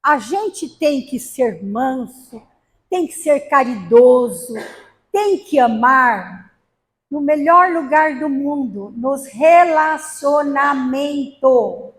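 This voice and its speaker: A woman's voice: high-pitched, animated, slow. A middle-aged woman from Brazil giving a spiritist talk, telling stories with humor and acting out quotes. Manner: storytelling with acted quotes and humor. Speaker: spiritist lecturer. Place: spiritist center hall.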